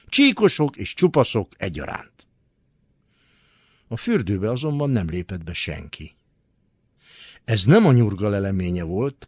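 A man giving a dramatic literary reading, expressive and swinging between hushed and forceful delivery. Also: medium pitch, dry recording, studio quality. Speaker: reader.

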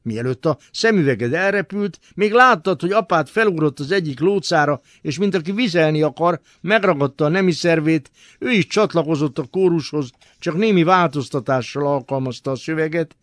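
A man giving a dramatic literary reading, expressive and swinging between hushed and forceful delivery. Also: on the high side, dry recording, clean studio sound. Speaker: reader.

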